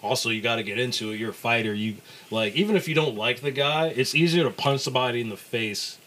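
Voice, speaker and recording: A man's voice: medium pitch, fast talker, fairly bright tone. A young man hosting a podcast in casual, profane frat-bro slang. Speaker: podcast host. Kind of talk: casual profane sports chat.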